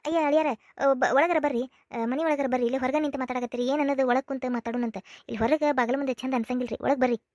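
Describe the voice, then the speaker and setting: A woman's voice: sits high, fairly even intonation, rapid-fire, darkish tone, dry recording, studio quality, close to an everyday voice. A woman voicing a fussy, doting middle-aged village mother in a cartoon comedy, with a North Karnataka accent and a chattering, dramatic way of talking. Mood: fussing. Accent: North Karnataka Kannada. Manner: chattering, dramatic, rhetorical questions.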